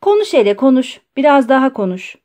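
A woman reading as a stern male guard, short and firm with every refusal. Her voice stays close to her own, a bit louder, in a storybook reading. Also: extremely high pitch, very animated, brisk, voice pushed up. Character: gruff male asylum guard, curt and stern.

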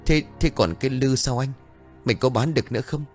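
A man's voice: mid-range voice, fairly quick, faint music behind, voice pushed up, lightly acted. Man putting on a jumpy young sister whispering, worried, kinda scheming. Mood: anxious. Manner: whispering, nervous.

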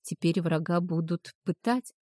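A woman voicing a female werewolf who explains things in a hushed, low, matter-of-fact tone. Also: a little slow, dry recording, studio quality. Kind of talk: audiobook character voice.

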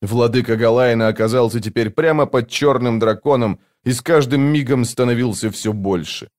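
Male audiobook narrator, measured. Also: medium pitch. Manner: even, measured storytelling.

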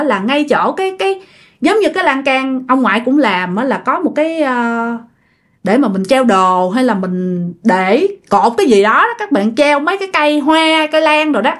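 A woman recounting a ghost story in a chatty, casual manner. Her voice is high and very lively, rising and falling freely. She keeps turning to address her listeners directly.

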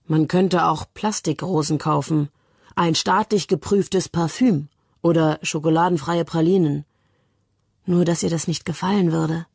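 A woman reading the part of a passionate, defiant young man who argues heatedly in a declamatory way, in a husky voice. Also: sits low, steady tone, a little slow, darkish tone, no room sound, studio quality, exaggerated voice. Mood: earnest.

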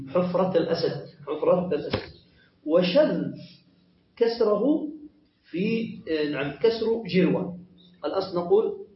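A high-pitched man teaching a grammar class, patiently repeating each point and answering his own questions. The recording is muffled and lo-fi, with plenty of room echo. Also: a little hiss or hum. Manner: asks questions and answers them himself. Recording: echoey muffled lo-fi lesson recording.

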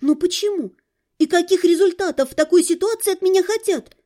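A woman's voice: extremely high pitch, a little fast, warm tone. A woman reading a first-person audiobook in an ironic, colloquial storytelling manner. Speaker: audiobook narrator.

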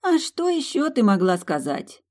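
A woman reading aloud, voicing an excitable, scatterbrained young woman who trips over long words. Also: on the high side, measured pace, pitched above the performer's own voice. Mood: giddy.

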